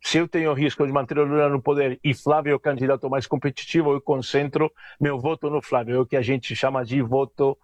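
An Argentine man appears as an interview guest on a video call from home, offering measured, analytical political commentary with frequent hesitations. His mid-range voice keeps a steady tone, and the recording is dry and dull.

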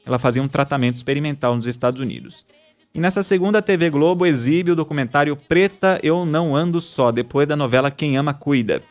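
A man's voice: a little high, quick pace, soft background music. Man reading the news. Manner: reads listener messages aloud. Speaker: news podcast host.

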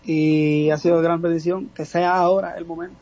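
Hesitant Dominican man, fairly high voice. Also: flat delivery, a little mellow, dull audio. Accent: Dominican Spanish. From Dominican Republic. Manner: halting, many filler sounds. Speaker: guest singer. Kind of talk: casual interview.

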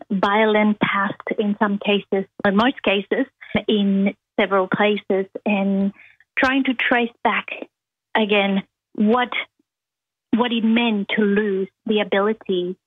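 A woman from Argentina, a native Spanish speaker and university lecturer, answering interview questions slowly and thoughtfully, with many ums and restarts. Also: mid-range voice, no room sound. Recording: tinny phone line, dry.

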